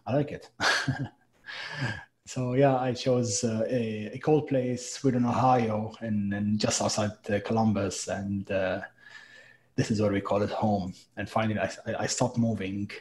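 A man's voice: fairly low pitch, flat delivery, darkish tone, low-quality recording. Reflective middle-aged man from Lebanon. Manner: reflective, halting with repeated words. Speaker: guest, business owner. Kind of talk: conversational interview.

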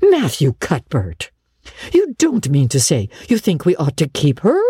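A woman's voice: lowish voice, very animated, moderate pace, mellow, slightly rough, no room sound, studio quality, voice pushed up. A woman voicing a stern, exasperated middle-aged farm woman in an audiobook, with curt, emphatic scolding. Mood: indignant. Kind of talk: audiobook character acting.

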